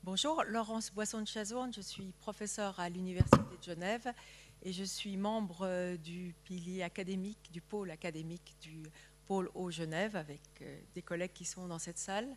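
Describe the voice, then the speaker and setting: A woman's voice: on the low side, fairly even intonation, a little fast. A woman professor introducing herself formally in French at a panel, speaking composedly with some fillers. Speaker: law professor. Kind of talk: formal self-introduction at a ministerial meeting.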